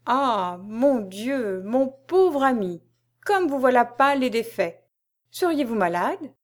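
A woman reading aloud and voicing a scheming male courtier who speaks in a plaintive, mock-solicitous, drawn-out way. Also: medium pitch, natural voice. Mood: mock-pitying.

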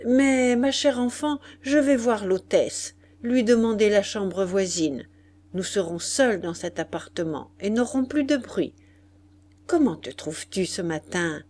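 A woman's voice: medium pitch, expressive, unhurried, a little mellow. A woman reading aloud, voicing an anxious aristocratic mother who speaks earnestly and urgently. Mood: tender.

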